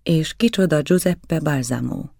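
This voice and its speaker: A man's voice: a little high, darkish tone, no echo, studio quality. A man reading as a stern commanding hypnotist. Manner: curt, commanding, rough. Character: stern commanding male hypnotist, harsh husband. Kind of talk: audiobook reading.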